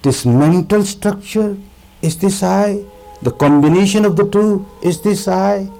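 A man giving a spiritual discourse as a meditation teacher, speaking deliberately with emphatic repetition and pauses. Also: high voice, creaky, mellow, soft background music, rough recording.

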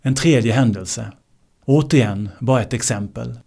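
A man teaching meditation in a slow, measured way, repeating key words for emphasis. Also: medium pitch, creaky, darkish tone. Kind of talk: spiritual teaching talk.

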